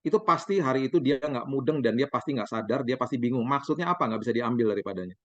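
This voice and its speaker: Man preaching with lively storytelling. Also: mid-range voice, quick pace, no room sound. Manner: lively storytelling, acting out dialogue with the congregation. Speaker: pastor. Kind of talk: sermon. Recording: dull, dry sound.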